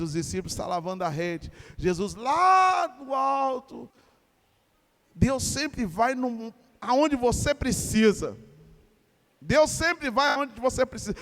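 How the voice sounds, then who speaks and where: A man's voice: high-pitched, in a large hall. A Brazilian man preaching a sermon to his congregation, asking them questions and urging them to answer back. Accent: Brazilian Portuguese. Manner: animated preaching with call-and-response to congregation. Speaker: pastor. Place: church.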